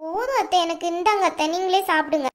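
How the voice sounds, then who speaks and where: Woman playing a meek young cartoon wife, very high, soft-spoken and polite. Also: fast. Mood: pleading. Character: gentle, tearful young wife who puts others first. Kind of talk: cartoon voice acting.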